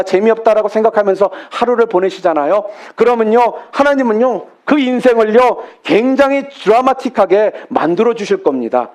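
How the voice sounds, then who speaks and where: High-voiced man preaching a sermon. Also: a little mellow. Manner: asks the congregation questions and answers them; acts out short prayers and complaints in quoted voices. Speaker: pastor.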